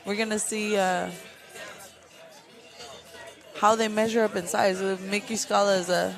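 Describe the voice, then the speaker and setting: A woman gives casual, slightly hesitant boxing co-commentary in a mid-pitched voice. Music and crowd noise are clearly heard behind her. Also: little pitch movement, unhurried, rough recording. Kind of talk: casual, hesitant sports chat.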